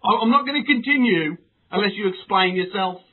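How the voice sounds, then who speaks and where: A man plays it glum and deadpan in a comedy sketch, and his speech keeps tripping into stammers and restarts. His voice is notably high for a man. The recording is thin and phone-like. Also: brisk, husky. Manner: hesitant, stammering, mock-glum. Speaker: co-host. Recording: phone-like lo-fi sound.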